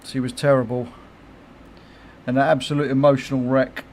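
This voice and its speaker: A middle-aged man, chatting loosely while he streams a game from home. He swears freely, laughs a lot and replies to viewers' comments. His voice sits at a mid pitch, with a faint hiss behind it. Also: flat delivery, normal speed, darkish tone. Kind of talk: casual livestream chat.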